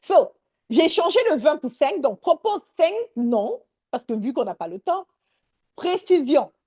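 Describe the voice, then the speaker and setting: A woman leading a live online workshop, energetic and sprinkling English words into her talk. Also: sits high, unhurried, dull audio.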